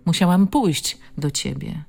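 A woman's voice: deep voice, animated, measured pace, creaky, a little mellow, heavily acted. A woman voicing a caring, worried female friend who talks earnestly and eagerly.

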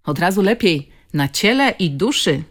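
A woman's voice: fairly low pitch, sing-song, moderate pace. Woman reading as a hearty middle-aged man. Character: Edward, a weary middle-aged man, friendly host.

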